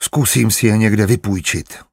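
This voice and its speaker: A grumbling, hostile old-fashioned farmer in an audiobook, as a male narrator plays him. He snaps short, contemptuous answers in a low, husky voice. The sound is dry and close. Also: fairly even intonation, no echo. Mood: irritated. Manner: gruff, curt and hostile.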